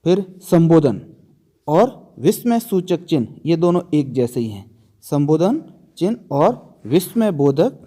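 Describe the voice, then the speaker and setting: His voice is mellow and fairly high-pitched as he works through an exam grammar lesson. He puts questions to the students, answers them himself, and repeatedly stresses the key terms.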